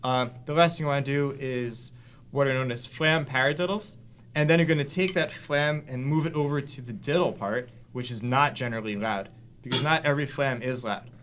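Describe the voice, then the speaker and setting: Relaxed man teaching drums. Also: mid-range voice, fairly quick, slight background noise. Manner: relaxed, explains with fillers and restarts. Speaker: drum teacher. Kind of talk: casual instructional talk. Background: drum hits between lines.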